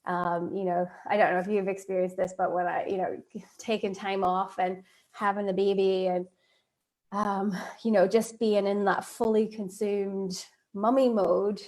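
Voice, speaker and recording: A woman speaks as a guest over a video call, chatty and loose, laughing often and filling pauses as she thinks aloud. Her voice sits at an ordinary middle pitch. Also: little pitch movement, darkish tone. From Northern Ireland. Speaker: guest, life coach. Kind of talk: casual interview chat.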